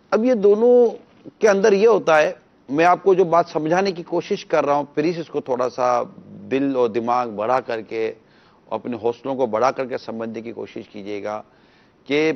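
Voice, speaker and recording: A man's voice: mid-range voice, lo-fi sound. A man speaking as a religious scholar on a TV panel, earnestly pleading with viewers and teaching through parables.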